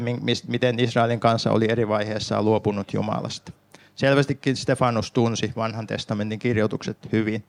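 A man preaching a sermon, calmly explaining a Bible passage and speaking directly to his listeners. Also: mid-range voice.

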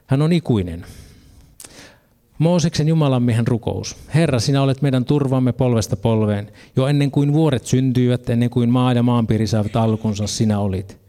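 A man's voice: medium pitch, warm tone. A man preaching a sermon, earnest, reading scripture passages and adding casual asides.

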